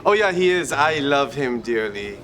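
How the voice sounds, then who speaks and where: A man's voice: medium pitch, lively intonation, normal speed, fairly bright tone, soft background music, natural voice. An actor playing a fond but worried, gossipy man in a sitcom. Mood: fond, confiding. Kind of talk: sitcom acting before a live audience.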